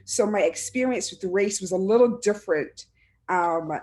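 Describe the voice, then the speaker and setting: A woman's voice: mid-range voice, moderate pace, darkish tone. Earnest woman on a video call. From Barbados. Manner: earnest, heartfelt, with frequent restarts. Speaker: panelist, education administrator. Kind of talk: reflective personal talk on a panel.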